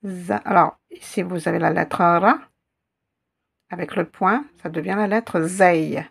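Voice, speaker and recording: A woman teaching an Arabic reading lesson in French, patiently repeating each syllable and word slowly for learners. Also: on the low side, fairly even intonation, creaky, slightly rough. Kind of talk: slow spelled-out reading lesson.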